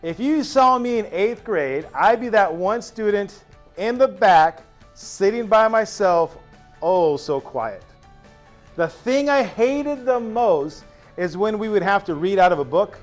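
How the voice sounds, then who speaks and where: A man teaching a first-day class, telling stories to his students in an animated way with drawn-out asides. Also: high-pitched, faint music behind.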